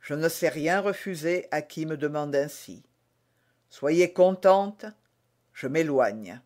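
A man's voice: a little high, slow pace, darkish tone. A man with a French accent voicing an eager, lovesick young swordsman in an audiobook. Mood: ardent. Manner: eager, earnest. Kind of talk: audiobook reading.

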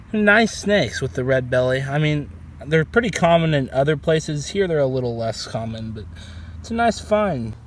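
A young man narrating a wildlife vlog in the field, talking casually and enthusiastically into a handheld phone. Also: a little high. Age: young adult. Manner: informal, enthusiastic, addresses animals as buddy. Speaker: wildlife vlogger. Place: outdoors in woods and by ponds. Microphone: handheld phone at arm's length. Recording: outdoor handheld recording with background noise.

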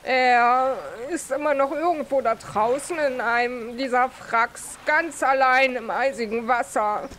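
A woman reading aloud the lines of a grieving fisherman father in a video game, slow and subdued. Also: high-pitched, a bit bright, a little hiss or hum. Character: grieving middle-aged fisherman father, mournful.

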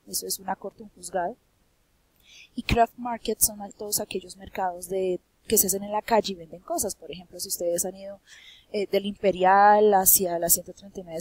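A woman's voice: mid-range voice, a little mellow, slightly rough, dry recording, low-quality recording. A young woman from Colombia with a Bogotá accent, teaching city vocabulary in English and then explaining it again in Spanish, with her voice rising on each quiz question. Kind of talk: bilingual vocabulary lesson.

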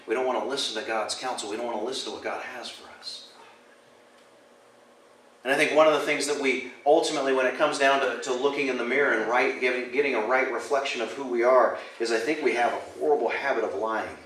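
A man preaching a sermon, animated and given to self-deprecating humor. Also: mid-range voice, slight background noise. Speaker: pastor. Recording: echoey church hall, mic at a distance.

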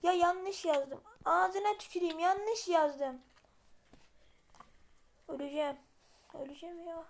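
A woman giving casual gameplay commentary, muttering to herself and then yelling in panic. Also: very high voice, slow. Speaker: gameplay video maker.

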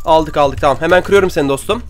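Young guy gaming, high voice, talks super fast, trash talks other players, keyboard clicking in the background. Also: soft background music. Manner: chatty, trash-talking opponents, excitable outbursts. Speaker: gaming YouTuber. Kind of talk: casual gameplay commentary. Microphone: desk microphone, keyboard and mouse clicks.

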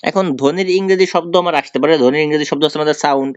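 Young guy tutoring fast, repeats every answer, clear smooth voice, dry dull-ish recording. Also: fairly high pitch, no room sound. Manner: explains step by step, often repeating key answers. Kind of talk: exam-prep lesson. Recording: dry, slightly dull sound.

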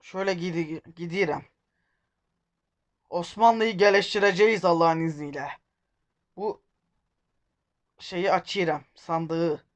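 A man's voice: high voice, measured pace, long pauses. A man hosting a casual let's-play, rambling, joking and correcting himself as he goes. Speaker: gaming video host.

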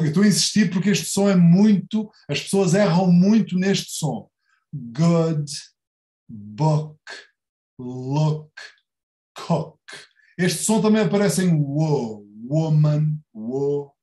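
Slow European Portuguese man teaching pronunciation. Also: a little high, dark tone, echoey room. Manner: repeats words slowly and drills sounds. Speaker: English teacher. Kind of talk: online English pronunciation lesson.

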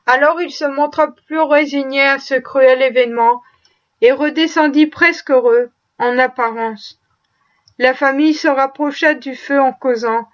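A woman narrating a classic tale as an audiobook, with measured, expressive storytelling. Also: sits high, highs cut off.

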